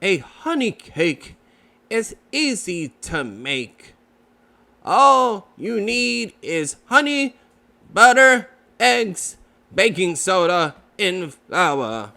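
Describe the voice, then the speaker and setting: Man voicing fussy, high-pitched Rabbit. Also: big pitch swings, very slow, creaky, pushed and bright, exaggerated voice. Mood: instructive. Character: brisk, knowing male storybook rabbit.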